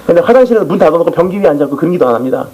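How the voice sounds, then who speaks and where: A man preaching a sermon in church as a missionary, telling his testimony in an animated storytelling way. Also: on the high side, very fast, lo-fi sound, a little hiss or hum.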